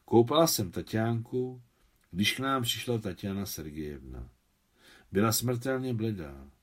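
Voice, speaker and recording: A man with a fairly low voice reads a novel aloud. His delivery is measured and expressive, like an author's reading. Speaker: translator reading his translation.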